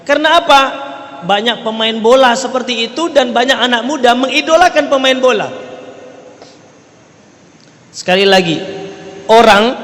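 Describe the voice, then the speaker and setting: Preaching to his congregation, a man with an extremely high and slightly bright voice speaks Indonesian with a Riau Malay flavor. This Islamic preacher keeps posing rhetorical questions and frequently checks in with listeners, his words trailing into the long reverb of a big hall.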